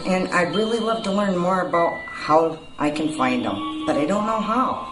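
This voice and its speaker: A woman's voice: lowish voice, expressive, normal speed. A woman speaking as a horror host, bantering in a sassy, flirtatious way. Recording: roomy sound with music behind. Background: music.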